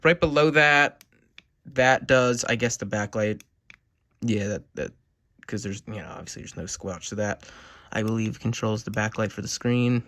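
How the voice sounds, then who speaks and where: A man's lowish, fairly bright voice, at normal speed, comes through as a dry, studio-quality recording. Sitting at a desk indoors, he gives a casual, unscripted product review in a rambling, hesitant manner, in a homemade video with clear background noise.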